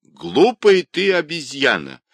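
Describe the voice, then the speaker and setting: A man voicing an old woman teahouse keeper in her sixties or more, shrill and scolding. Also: sing-song, unhurried, a bit bright, no echo.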